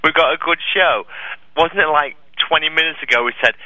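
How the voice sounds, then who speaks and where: A man's voice: a little high, fairly quick, pushed and bright, dry recording. A man co-hosting a casual chat, blunt and teasing, who swears freely. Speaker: podcast co-host. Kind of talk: casual banter. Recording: dull lo-fi line.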